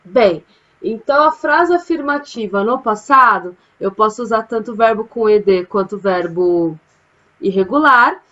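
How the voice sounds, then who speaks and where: A woman's voice: medium pitch, expressive, normal speed, sharp tone, dull audio. A woman English teacher from Brazil giving a casual online grammar lesson from home, explaining patiently and checking in with her students often. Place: home, during quarantine.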